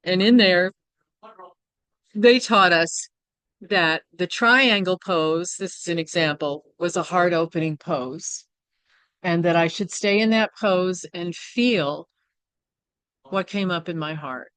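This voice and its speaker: Slow and smooth, with frequent pauses, this woman's fairly low, fairly bright voice is recorded with no room sound. She presents a workshop as a personal teaching talk, candid and reflective, using "right?" and "you know" to check in with listeners.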